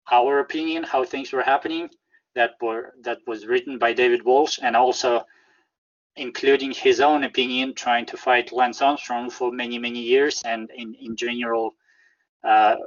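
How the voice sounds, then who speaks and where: A man with a Russian accent speaks in a dull, lo-fi recording. He answers as an interview guest, carefully and haltingly, often restarting his phrases at an ordinary male pitch. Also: fairly bright tone. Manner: halting, careful, repeating words as they search for phrasing. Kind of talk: conversational interview.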